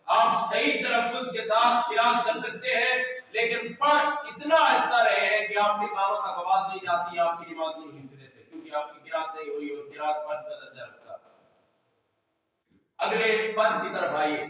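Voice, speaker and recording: A man's voice: high voice, recorded from a distance. Man preaching in an echoey hall. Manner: emphatic, rising to shouts and drawn-out sung phrases. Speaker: Islamic scholar preaching. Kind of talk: sermon on prayer rules.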